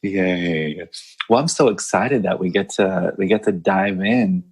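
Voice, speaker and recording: Gravelly, husky man co-host. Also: deep voice, sing-song, darkish tone. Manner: theatrical, flirty, quick to laugh. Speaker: podcast co-host, life coach. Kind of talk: casual chat.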